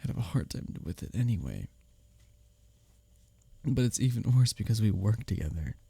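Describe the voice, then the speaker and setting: In an intimate romantic roleplay, a man plays a smitten, teasing workplace rival in full character voice, tender and confessing. His fairly low, mellow voice is breathy, husky, and halting, very animated yet often sinking toward a whisper, captured in a dry recording.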